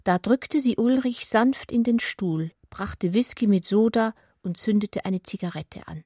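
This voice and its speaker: Narrating a radio adaptation of a literary work, a woman reads scripted prose in a breathy, mid-range voice, her deliberate, intimate, expressive phrasing often dropping to a whisper. The close studio mic captures her dry and echo-free, with studio-quality sound.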